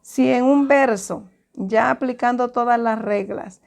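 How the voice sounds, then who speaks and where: A woman teacher from Honduras giving a recorded lesson to students, explaining slowly and stopping to correct herself. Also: a little high, creaky, a little mellow. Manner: slow, explanatory, repeats and self-corrects.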